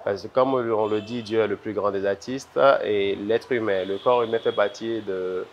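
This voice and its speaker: This interview guest, a visual artist, speaks with a Beninese French accent in a low-ish, steady, darkish voice at a moderate pace. He answers questions in a conversational way, echoing words as he gathers his thoughts. The highs are cut off and there's noisy ambience behind him.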